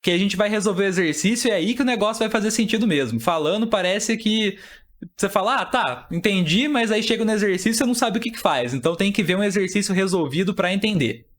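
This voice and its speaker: A man's voice: high-pitched, quick pace. A young man teaching an exam-prep chemistry lesson, explaining step by step and asking and answering his own questions.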